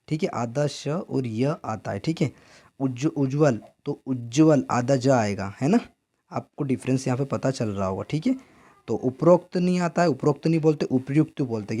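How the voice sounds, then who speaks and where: A man's voice: medium pitch, dark tone. A man with a Madhya Pradesh Hindi accent teaching an exam-prep lesson, often repeating answers back as questions and checking in with "theek hai.".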